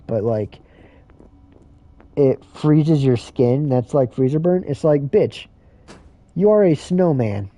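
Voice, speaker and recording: A man's voice: on the high side, warm tone, no echo. A man streaming a game, rambling and swearing through a casual rant. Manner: rambling, profane, ranting. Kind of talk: casual rambling commentary while playing.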